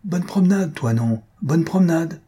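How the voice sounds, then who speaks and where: A man's voice: a little high, expressive, normal speed, dark tone, pitched above the performer's own voice, lightly acted. A man reading aloud, voicing a careless, breezy husband who speaks offhandedly.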